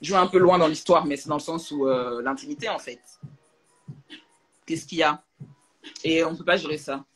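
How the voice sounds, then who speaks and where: A young adult woman chatting casually on a live stream from her room at home, animated and slangy, full of jokes and asides. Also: sits low, normal speed, long pauses, slightly rough, soft background music, poor audio. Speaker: social media creator on a live stream. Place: at home, in a room with a closed door.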